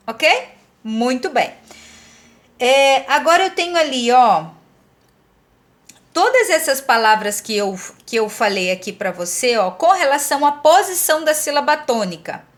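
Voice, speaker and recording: A woman with a Brazilian Portuguese accent teaches a recorded lesson. She talks patiently and keeps checking with "tá?" whether the pupil follows. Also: high voice. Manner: patient, repeats "tá?" to check understanding.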